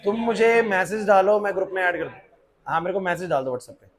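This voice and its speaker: A man teaching physics to a class, firing quick questions at the students and answering them himself, with English terms mixed into his talk. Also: high voice, lively intonation. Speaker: physics tutor. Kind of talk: classroom lecture.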